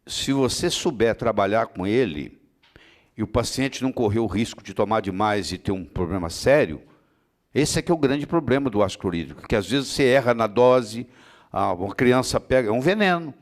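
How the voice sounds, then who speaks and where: A man's voice: mid-range voice, expressive, a little fast. Man lecturing a class on medicine. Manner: explains with everyday analogies, checks understanding often. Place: lecture room with students.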